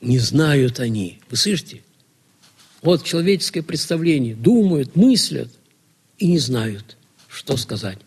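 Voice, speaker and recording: A man's voice: mid-range voice, sing-song, measured pace, husky. A man lecturing to students on religion, asking rhetorical questions and answering them himself.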